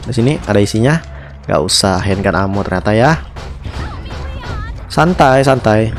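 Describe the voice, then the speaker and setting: A man's voice: fairly low pitch, lively intonation. Chatty young Indonesian man commentating a game. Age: young adult. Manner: chatty, repeats words in quick strings. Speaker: gaming streamer. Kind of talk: casual gameplay commentary. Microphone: headset. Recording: game music behind the voice. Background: video game music.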